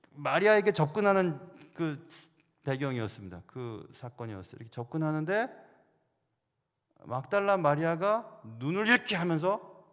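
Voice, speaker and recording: Lively pastor in a reverberant sanctuary. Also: male voice, fairly high pitch. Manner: animated storytelling, acting out quoted voices. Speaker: senior pastor. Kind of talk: sermon. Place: church sanctuary. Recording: long hall reverb.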